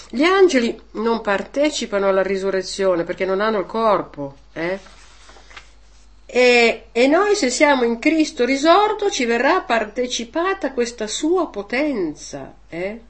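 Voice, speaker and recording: Woman catechist tagging lines with "eh?". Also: a little high. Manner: conversational, frequent rhetorical "eh?" tags; hesitant restarts. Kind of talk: informal religious teaching.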